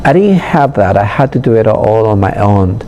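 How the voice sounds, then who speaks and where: A middle-aged man from Honduras, answering interview questions in a hesitant way with many pauses. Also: on the low side, lively intonation, warm tone, slight background noise. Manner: hesitant, frequent pauses and fillers. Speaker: interviewee, public health professional.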